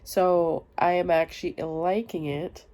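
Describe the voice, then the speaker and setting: A woman's voice: fairly low pitch, fairly even intonation, measured pace, darkish tone. A woman chatting casually in a vlog, sounding weary, groggy and stuffed up with a cold. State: sick with a cold and stuffy nose. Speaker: book vlogger.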